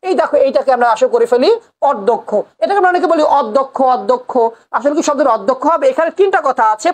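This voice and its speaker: A woman teacher giving a pronunciation lesson, asking the students questions and answering them herself while repeating the key points. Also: sits high.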